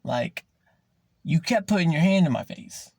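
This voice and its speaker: Gravelly, emphatic man talking candidly. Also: fairly high pitch, expressive, darkish tone, no echo. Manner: raw, emphatic, swears freely; slows and stretches words for emphasis. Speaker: podcast host. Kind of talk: candid personal monologue.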